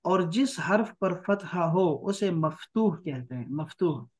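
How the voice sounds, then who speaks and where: A man teaching an online Arabic grammar class, patiently repeating key terms slowly. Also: high voice, animated. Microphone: online class mic.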